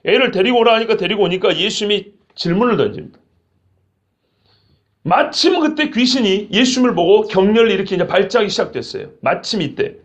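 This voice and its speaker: A male pastor preaching an expository sermon, acting out quoted lines with sudden shouts. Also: high voice, expressive, fairly quick.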